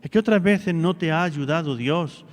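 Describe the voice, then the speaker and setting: A man's voice: a little high, normal speed, big-room sound. A priest giving a homily, preaching earnestly and asking his listeners one rhetorical question after another.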